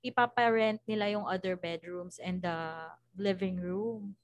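A woman's voice: mid-range voice, steady tone, a little slow, no room sound. A woman from the Philippines hosting a casual interview, who asks long questions politely and laughs often. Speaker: interviewer host.

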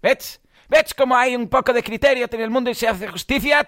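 A man's voice: extremely high pitch, fairly quick, a bit bright, no room sound, studio quality, voice pushed up. A man playing a pushy, boastful annoying client who adds a silly ending to his words. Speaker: podcast co-host.

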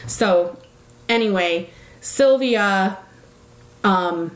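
A woman's voice: medium pitch, drawn-out words, echoey room, low-quality recording. A woman talking casually, rambling with many fillers and correcting herself as she goes. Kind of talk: casual chat.

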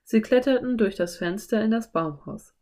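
A woman narrating a children's audiobook in a calm, even storytelling voice. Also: on the high side, normal speed. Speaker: audiobook reader.

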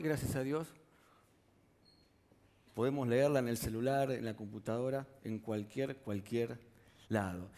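Higher-voiced Rioplatense preacher. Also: male voice, darkish tone. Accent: Rioplatense Spanish. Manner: conversational, asks the congregation rhetorical questions. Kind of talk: sermon.

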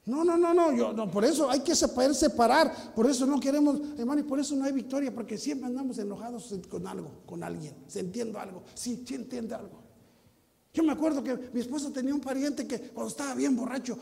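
A man preaches in a high voice with a gravelly edge. He swings between booming emphasis and hushed asides, teasing his listeners as pastor. The sound rings with a long reverb, as in a church hall. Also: fairly quick. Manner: teasing, mocking asides to the congregation. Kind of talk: sermon.

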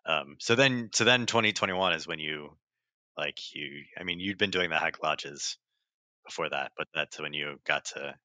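A man with a very low, bright and forceful voice hosts a casual podcast. He asks his questions in a relaxed, chatty way, and his voice sounds close and dry. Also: moderate pace, no echo. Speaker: podcast host.

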